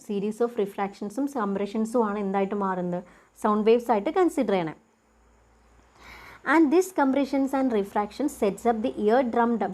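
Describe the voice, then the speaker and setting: A young woman teaching a lesson. She poses questions and answers them herself, and reads English definitions out slowly. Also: on the high side, a little mellow. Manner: asks and answers her own questions. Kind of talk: lecture explaining a topic.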